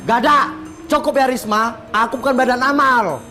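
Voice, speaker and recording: A woman with a Medan accent playing a sharp-tongued, bossy middle-aged woman who scolds and complains bluntly. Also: fairly high pitch, moderate pace, soft background music. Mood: scolding. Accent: Medan Indonesian. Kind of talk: comedy web drama acting.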